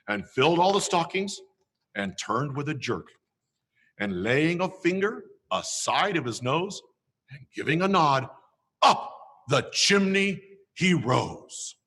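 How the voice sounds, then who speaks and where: Jolly santa as a guy plays him, bright voice a bit high, slow dramatic reading w/ chuckles. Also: very animated, big-room sound, heavily acted. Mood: storytelling. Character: jolly old Santa Claus, grandfatherly and playful. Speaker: storyteller. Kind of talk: holiday story reading and kids' Q&A.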